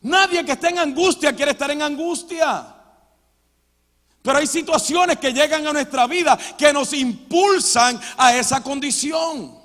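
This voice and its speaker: A male pastor preaching a sermon, emphatic, moving between loud stresses and quiet passages. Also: very high voice, measured pace. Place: church hall. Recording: church hall reverb.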